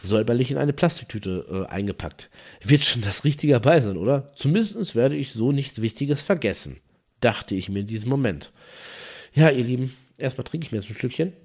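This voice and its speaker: A man hosting a podcast, telling a personal anecdote in an animated, slangy way and talking straight to his listeners. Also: medium pitch, fairly quick. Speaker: podcast host. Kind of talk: storytelling podcast narration.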